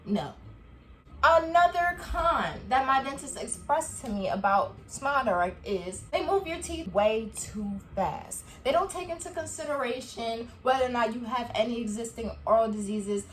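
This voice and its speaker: A young woman talking straight to camera in a casual vlog, her voice sitting a little higher than most. She is chatty and animated, laughs often, and acts out the dialogue she recounts. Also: normal speed. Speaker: vlogger. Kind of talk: casual review chat to camera.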